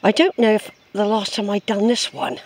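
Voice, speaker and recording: A walking vlogger chats casually and muses aloud outdoors on a woodland track, giving rambling commentary as he goes. His voice is mid-range and level at a moderate pace, captured by a handheld camera's built-in mic with a little hiss or hum.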